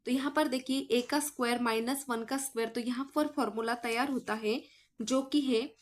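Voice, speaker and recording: A woman's voice: fairly high pitch, fairly even intonation, normal speed. A woman math teacher walks through each step, asking the class questions and answering them herself. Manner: addresses students as children.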